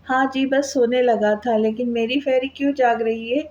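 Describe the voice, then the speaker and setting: A man's voice: very high voice, steady tone, moderate pace, darkish tone, dull audio, a little hiss or hum. A woman voicing an affectionate young brother who scolds fondly in a read-aloud novel. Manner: fond, teasing scolding.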